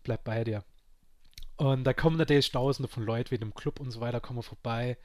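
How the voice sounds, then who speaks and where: A man's voice: mid-range voice, fairly even intonation, rapid-fire, no room sound, studio quality. A man telling a casual anecdote, with many restarts and acted quotes. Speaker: storyteller.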